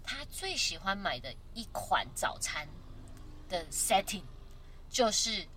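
A woman with a Taiwanese Mandarin accent hosts a casual chat. Her pitch swings in a lively way as she tells her stories expressively. There is noticeable background noise around her voice. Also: takes it slowly. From Kaohsiung, Taiwan. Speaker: podcast host.

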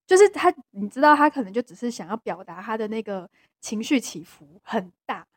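A woman with a Taiwanese Mandarin accent, co-hosting a podcast in casual chat, talking hesitantly with many restarts and a soft voice that trails off. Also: fairly high pitch, animated, fairly quick, dry recording, clean studio sound. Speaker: podcast co-host.

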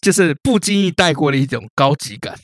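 A man's voice: fairly high pitch, lively intonation, a little fast, a bit bright. A man co-hosting a podcast in casual, jokey chat, often slipping into silly voices. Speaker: podcast co-host.

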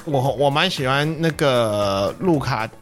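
A man's voice: medium pitch, lively intonation, measured pace. A man with a Taiwanese Mandarin accent in a casual group chat, joking and teasing the others. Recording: background music behind the voice.

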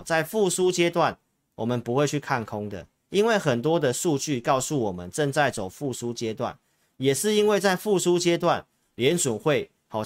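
A man's voice: mid-range voice, no room sound. Taiwanese man giving emphatic stock market commentary. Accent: Taiwanese Mandarin. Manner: emphatic, repetitive, addresses viewers directly. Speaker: investment advisory show host, analyst.

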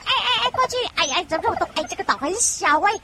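A performer voicing an excitable animal character who exclaims a lot, with a Taiwanese Mandarin accent. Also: very high voice, racing, heavily acted. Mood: excited. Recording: loud background noise.

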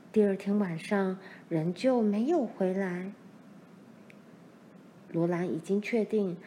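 A woman narrating a children's novel chapter in a calm, even storytelling manner. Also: on the low side, slight background noise. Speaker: audiobook reader.

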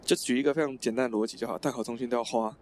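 A man's voice: steady tone, racing. A man with a Taiwanese Mandarin accent explains things in a casual educational discussion, emphatic and repeating himself to drive points home. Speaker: podcast co-host explaining exams. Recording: noisy with low rumble.

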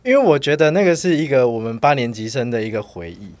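A man, a spirit medium who is a guest on a podcast, talking in a reflective and soft-spoken way. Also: medium pitch, sing-song, fast talker. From Taiwan. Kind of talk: casual interview talk.

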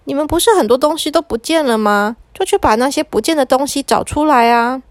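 A woman's voice: high-pitched, fairly quick, dry recording, pitched above the performer's own voice, lightly acted. Woman voicing a breezy storybook magician. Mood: easygoing. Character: kindly male magician in cloak and tall hat.

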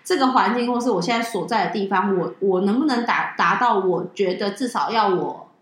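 A woman's voice: medium pitch, fairly quick. A woman, co-hosting a casual chat and telling a story animatedly. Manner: animated storyteller, acts out quoted dialogue. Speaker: podcast co-host. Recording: echoey room.

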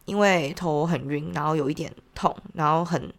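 A woman's voice: deep voice, moderate pace, creaky. A woman with a Taiwanese accent and a nasal, congested voice from a heavy cold, chatting casually as the host of a solo audio diary. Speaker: podcast host, entrepreneur.

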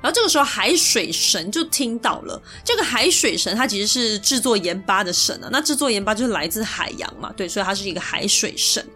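A woman's voice: mid-range voice, a little fast, few pauses. A woman with a Taiwanese Mandarin accent hosting a podcast, retelling myths in a chatty, playful way. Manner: chatty, playful, lively asides. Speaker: podcast host. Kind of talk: casual storytelling podcast. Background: faint background music.

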